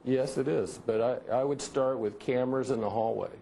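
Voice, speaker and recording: An older man, a maritime injury lawyer, answering in a measured, halting way during a remote news interview. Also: medium pitch, gravelly, warm tone, a little hiss or hum, low-quality recording. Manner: measured, halting, restarts often. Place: remote TV studio.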